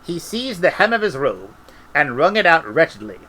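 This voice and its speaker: A middle-aged man reading a comic novel aloud with lively, expressive storytelling. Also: a little high, normal speed, rough recording. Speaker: audiobook reader.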